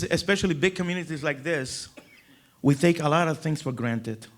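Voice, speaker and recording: A man giving an inspirational religious talk as a rabbi, telling stories emphatically and acting out the dialogue. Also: fairly high pitch. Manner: emphatic, dramatic storyteller who acts out dialogue. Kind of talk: inspirational religious storytelling speech.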